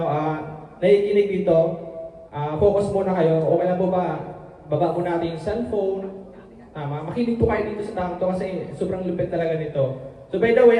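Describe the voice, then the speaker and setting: A man with a mellow, higher-pitched voice works up an audience before introducing a speaker. He is heard from far off in a long-reverb meeting hall. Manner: hyping, repeatedly asks the audience to listen. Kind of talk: event emcee addressing an audience.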